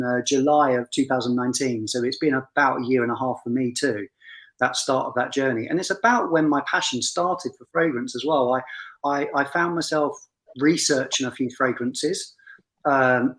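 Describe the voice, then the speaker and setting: A man's voice: medium pitch, fairly bright tone, poor audio. A man hosting a casual interview, friendly and chatty, often stumbling and restarting his sentences. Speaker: host.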